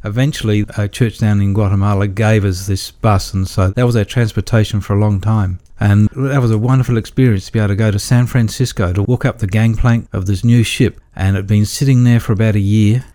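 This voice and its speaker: A man's voice: fairly low pitch, steady tone, fairly quick, hardly any pauses, warm tone. A man, middle-aged, telling stories in a rambling way with restarts, as a guest in an interview. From Australia. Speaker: guest, electrician. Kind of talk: storytelling interview.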